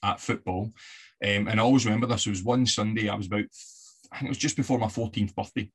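He's a podcast guest from the west of Scotland, husky and fairly low-pitched, talking at a quick pace with a steady tone. The conversation is a casual interview where he tells stories, laughing and using easy fillers.

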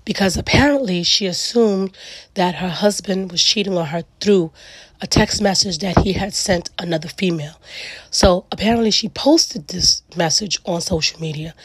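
A middle-aged woman with a raspy, gravelly voice hosts a solo reflective talk, speaking earnestly and emphatically in weighty repeated phrases. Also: fairly low pitch, dry recording, low-quality recording. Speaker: podcast host.

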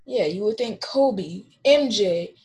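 A woman's voice: medium pitch, expressive, slow, mellow. A young woman in casual chat, talking in slang like a keen sports fan.

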